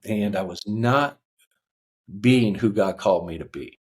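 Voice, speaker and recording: Earnest low-voiced man in his fifties. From United States. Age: 50s. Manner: earnest, halting with many fillers. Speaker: podcast guest. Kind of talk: reflective personal storytelling.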